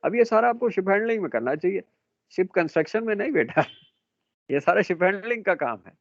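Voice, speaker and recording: A middle-aged man runs a classroom lecture with a high-pitched voice. He fires questions at his students and calls them beta and bhai. The sound is dry and tinny, like a phone line. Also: lively intonation, fairly quick, vocal fry, dry recording. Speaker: marine engineering teacher.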